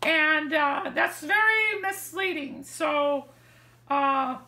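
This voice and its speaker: A woman's voice: high-pitched, extremely slow. An older woman telling a story casually to the camera in her living room, acting out the lines she quotes. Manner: animated, acts out quoted lines with hand gestures. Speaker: vlogger sharing dating advice. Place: living room, seated in armchair indoors. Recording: echoey room.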